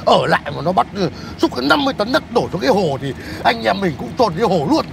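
A man's voice: high-pitched, very animated, fast talker, vocal fry, noisy background, full character voice. An actor playing a broke, put-upon grown man who nags and grumbles, in a comedy sketch over music. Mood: relieved. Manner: nagging, then sobbing for his grandkids. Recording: music bed under dialogue.

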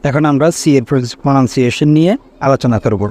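A man teaching a language lesson, reciting letters and syllables slowly and deliberately, one at a time. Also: mid-range voice, darkish tone. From Bangladesh. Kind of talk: slow spelling drill lesson.

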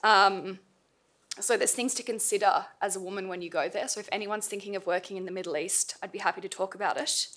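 A young woman, a former intern, speaks informally on a panel at a table mic in a seminar room, hesitant and full of fillers. Her mid-range voice is steady, a bit bright and a little fast, but tired and fading as she loses it.

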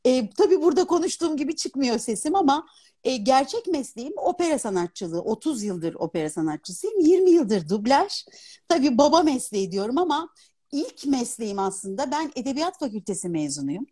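An animated, husky-voiced woman in her fifties, speaking with a mellow, fairly high voice that swoops widely as she talks. She is a guest in a live chat streamed from a phone, and her delivery is articulate and expressive, broken by easy laughter. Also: a little fast. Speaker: guest, opera singer and dubbing artist. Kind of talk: casual live interview chat. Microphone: phone on a live video stream.

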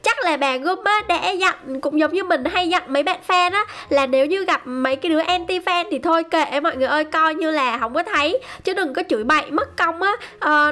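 A woman giving excited, chatty game commentary to her viewers. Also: extremely high pitch. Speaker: gaming YouTuber.

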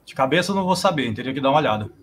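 A man's voice: mid-range voice, lively intonation, fairly bright tone, a little hiss or hum. A man joining a live stream remotely and debating the host earnestly, sometimes stumbling and repeating words. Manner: earnest, halting, repeats words when pressed.

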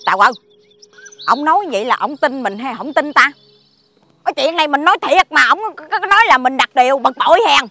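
A woman's voice: high voice, animated, fast talker, bright, forceful tone, exaggerated voice. An actress playing a chatty, insistent village woman who sells sticky rice cakes, in a TV folk-tale drama. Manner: gossipy, exclamatory, insistent. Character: chatty busybody village cake seller woman.

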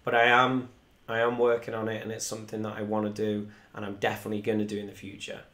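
This young Welsh musician's voice is on the low side, monotone, quick and a bit bright. Live-streaming from a small room at home, he chats and rambles with viewers, reading their comments aloud into a desk microphone in front of him.

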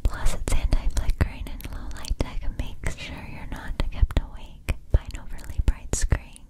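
A young woman softly whispering a scripted ASMR sponsor read in a breathy, unvoiced voice, enunciating carefully. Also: a little slow. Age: young adult. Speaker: ASMR creator.

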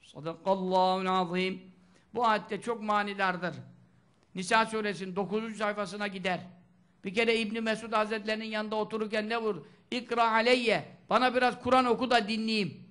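A man preaching a religious lesson, impassioned, swinging between loud exhortation and near-whispers, and chanting scripture melodically. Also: high-pitched, steady tone, fairly quick, smooth. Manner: chants Quranic verses in melodic recitation. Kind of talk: sermon lesson.

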